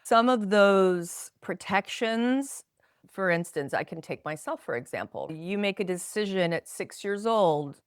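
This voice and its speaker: Soft-spoken woman explaining calmly. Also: low-pitched, clean tone, no echo, clean studio sound. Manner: gentle, reflective, speaks in flowing run-on thoughts. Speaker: guest, spinal energetics practitioner. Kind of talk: conversational podcast interview.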